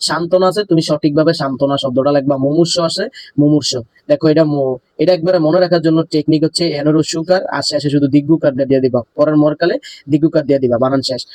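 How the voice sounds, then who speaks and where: A man's voice: a little high, steady tone, fast talker, darkish tone, no echo, poor audio. A young man teaching an exam-prep lesson, talking to students in a brotherly, coaxing way. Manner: brotherly, repeatedly calls students "bhaiya".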